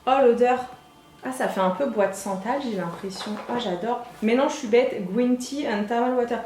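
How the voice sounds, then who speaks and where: A woman's voice: a little high, moderate pace, a little mellow, reverberant, faint music behind. A young woman chatting enthusiastically through a beauty unboxing, gushing over each product. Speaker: beauty vlogger. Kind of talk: casual unboxing chat.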